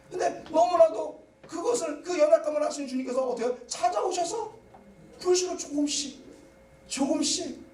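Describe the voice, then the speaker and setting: A man preaches in a very high, ringing voice, pushing into shouts and firing off rhetorical questions. He is heard in an echoey church hall, a little way off the mic, with faint noise behind him. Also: far from the mic. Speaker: pastor. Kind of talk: sermon. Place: church sanctuary.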